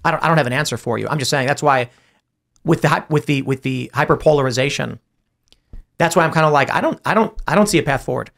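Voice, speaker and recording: A man with a gravelly, slightly high voice hosts a political talk show. He tells stories with energy and imitates other people by jumping up in pitch. His delivery is argumentative and conversational. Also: quick pace. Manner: animated storytelling, mimics others in raised voices. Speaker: podcast host.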